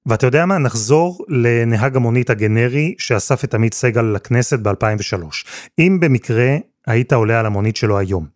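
A man hosting an interview, speaking in a measured, reflective way. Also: mid-range voice, darkish tone, no room sound, clean studio sound. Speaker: interview host. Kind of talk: casual interview talk.

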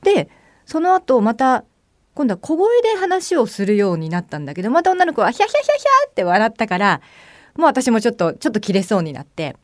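A middle-aged woman hosting a radio show, telling a story in a chatty, animated way and acting out the voices of the people in it. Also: a little high, brisk, dry recording, studio quality. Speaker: radio host. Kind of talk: casual solo radio monologue.

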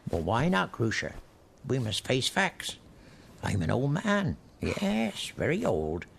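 An actor playing a very old, lonely widowed cobbler who chuckles often, in a radio drama with music underneath. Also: male voice, medium pitch, huge pitch swings, slow, vocal fry, a bit bright, a little hiss or hum, exaggerated voice. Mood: wistful. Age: older.

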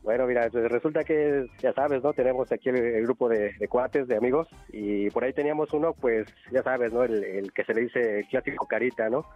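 A man's voice: medium pitch, a little fast, hardly any pauses, soft background music. A man with a Mexican accent calling a radio show over a telephone line, rambling as he tells gossip and often chuckling. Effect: heard over a telephone line. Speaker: radio call-in caller. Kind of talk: casual phone chat, telling gossip. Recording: dull, muffled phone line.

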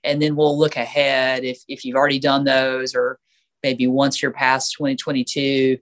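A woman's voice: rumbling low, little pitch movement, moderate pace. A woman with a stuffy, nasal voice from allergies, explaining finances as a podcast guest with frequent fillers. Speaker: certified financial planner guest.

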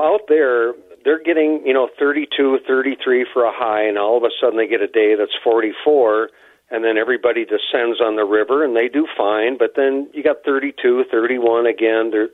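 Calling in as the outdoors guest on a radio show, a man chats casually, sounding a bit winded and rambling with plenty of fillers. His voice is mid-range, and the phone line makes it tinny and dry with no room sound.

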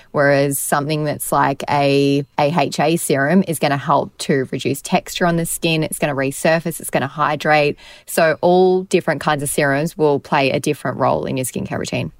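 A woman with a self-described monotone voice chatting casually as a guest skincare expert on a podcast. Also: deep voice, no echo, studio quality.

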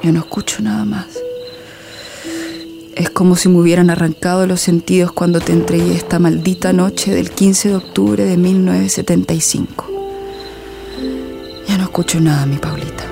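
A woman's voice: lowish voice, fairly even intonation, normal speed, gravelly, long pauses, over music. An actress voicing a desperate young mother fleeing with her baby, narrating in first person for an audio drama in a breathless, grieving manner.

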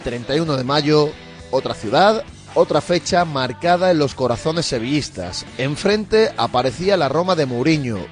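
A man from reading scripted sports documentary narration. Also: medium pitch. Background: music bed.

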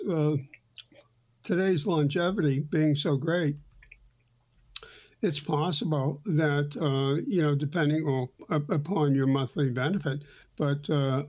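Halting man explaining retirement money. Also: a little high, darkish tone. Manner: halting, many fillers and restarts. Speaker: financial advisor host. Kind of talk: radio finance talk.

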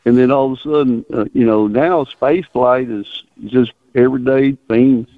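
A man's voice: mid-range voice, fairly even intonation, dry recording. Folksy man on tinny phone. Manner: folksy and halting. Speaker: radio show caller. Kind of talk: casual rambling chat. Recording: tinny narrowband phone line.

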